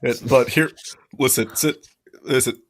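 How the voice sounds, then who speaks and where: A man of middle pitch chats and reads on a casual podcast. He rambles, cracks jokes and restarts his sentences as he goes. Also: fairly even intonation, measured pace. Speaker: podcast co-host. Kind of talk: casual chat and reading aloud.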